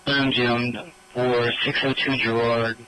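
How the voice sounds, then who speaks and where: A man's voice: medium pitch, flat delivery, slow pace, sharp tone, a little hiss or hum, low-quality recording. A male police officer calling in over a police radio channel in clipped radio talk. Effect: police radio transmission.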